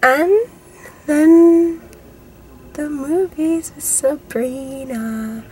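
A woman's voice: high-pitched, drawn-out words, a little mellow, rough recording. A young woman vlogging casually from inside a car, talking to a camera at arm's length. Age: young adult. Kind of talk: casual vlog chat.

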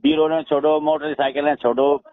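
Over the telephone, a middle-aged man with a Haryanvi accent, a father-in-law caught in a family dispute, pushes his point in a heated recorded call, saying things again to be heard. His voice is a little high, flat in delivery, at a moderate pace.

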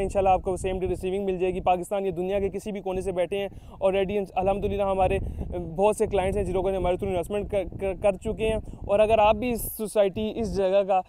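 A young man, a real estate agent giving a persuasive sales pitch outdoors at a construction site, with frequent fillers. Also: mellow, slight background noise. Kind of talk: promotional site-visit talk to camera.

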